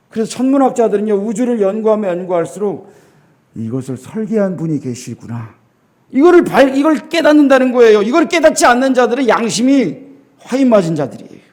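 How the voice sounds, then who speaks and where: Man preaching in church, high voice, emphatic sermon, rhetorical questions, loud then hushed. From South Korea. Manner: swings between loud emphasis and low, quiet lines. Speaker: pastor.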